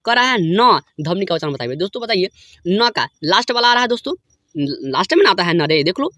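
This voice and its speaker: A man leads an exam-prep lesson in a high, bright voice. He asks each question, repeats it, then repeats the answer, calling viewers his friends. The sound is dry, with no room echo. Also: big pitch swings, fairly quick. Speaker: teacher.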